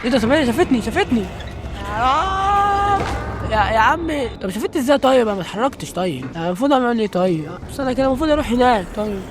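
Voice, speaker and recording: A young man with an Egyptian Arabic accent talks quickly through a horror game. He reacts jumpily and keeps calling out to his viewers. A faint background hum sits under his voice. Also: extremely high pitch, lively intonation. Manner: jumpy, exclaiming, talks to viewers. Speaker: gaming channel host. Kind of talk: let's play commentary.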